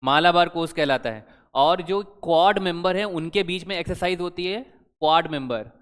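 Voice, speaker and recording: A young man leads an exam-prep lesson in a conversational, quizzing way, often asking his students questions. His voice is smooth and sits a little high. A long reverb trails behind his words, as if he is speaking in a hall. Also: moderate pace, a bit bright. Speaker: current affairs teacher.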